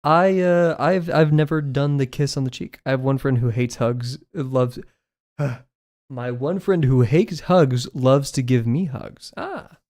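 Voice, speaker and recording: Taking it slowly in a mid-range, slightly mellow voice, a young man chats as he draws on a live stream. He rambles and laughs often at his own self-deprecating jokes, from an apartment room lined with acoustic foam.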